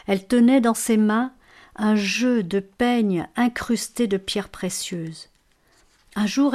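A woman narrates a storybook with measured, expressive delivery. Her pitch sits in a mid range for a woman. She reads steadily as a storyteller. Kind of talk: storybook reading.

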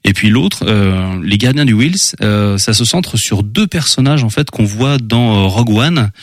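A man presenting on a talk show in a relaxed, chatty way, with many hesitations. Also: lowish voice, unhurried, no room sound, clean studio sound. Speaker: radio show columnist. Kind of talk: casual chat presenting manga.

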